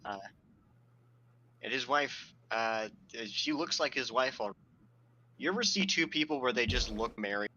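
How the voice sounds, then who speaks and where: A man's voice: medium pitch, expressive, moderate pace, pauses often, sharp tone, rough recording. A man co-hosting a casual podcast, reading quotes aloud with sardonic asides and frequent laughter. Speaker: podcast co-host.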